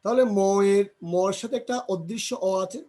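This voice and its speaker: A high-pitched man with a dark tone runs a grammar lesson, pacing the pronunciation drills slowly. He repeats example words and responds to his own questions.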